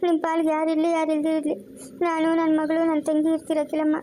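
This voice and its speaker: Woman playing a gentle consoling young woman. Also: sits high, monotone, brisk, a little hiss or hum, close to an everyday voice. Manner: gentle, repetitive soothing pleas. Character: kind younger woman comforting an elder. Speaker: Savitha, a relative consoling Akhilamma. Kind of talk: amateur family drama acting.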